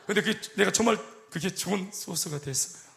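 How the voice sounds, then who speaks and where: A middle-aged man preaching a sermon as pastor, animated and joking, acting out quoted voices. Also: sits high, fairly quick, creaky. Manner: animated, acts out quoted voices and jokes with the congregation.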